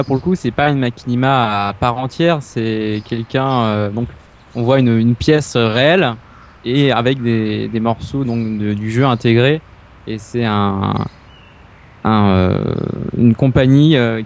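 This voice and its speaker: A man co-hosting a casual podcast, speaking hesitantly with many pauses. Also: medium pitch. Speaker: podcast co-host. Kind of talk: casual chat.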